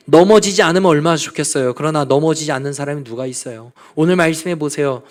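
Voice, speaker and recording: A man's voice: mid-range voice, darkish tone. Male pastor preaching a Sunday sermon. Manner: retells scripture with dramatic voiced quotes; direct appeals to congregation.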